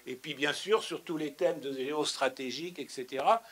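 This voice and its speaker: Man, slightly raised pitch, hesitant, filler-heavy, conference host. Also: normal speed, a bit bright, breathy edge. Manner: hesitant, many fillers and restarts. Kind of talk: spontaneous conference remarks. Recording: lecture hall.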